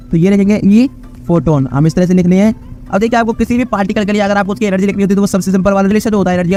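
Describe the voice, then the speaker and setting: Male tutor, high mellow voice, rapid chatty problem walkthrough over faint music. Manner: chatty, repeats filler checks, addresses viewers as brother. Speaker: physics teacher.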